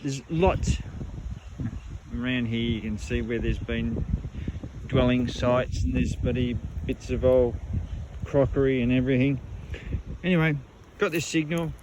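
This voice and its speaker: An Australian man narrates his own metal detecting outing in a loose, laid-back way, tossing in slang and mild swearing. His voice sits at a middle pitch for a man. A faint hiss of outdoor noise runs under the recording. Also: fairly even intonation, unhurried, long pauses. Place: outdoors on the goldfields, rural bush. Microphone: camera mic outdoors, wind at times.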